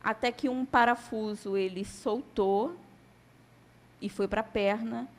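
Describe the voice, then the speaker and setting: A woman's voice: a little high, fairly even intonation, takes it slowly. A woman giving a church testimony as a sermon, telling her story dramatically and acting out the dialogue.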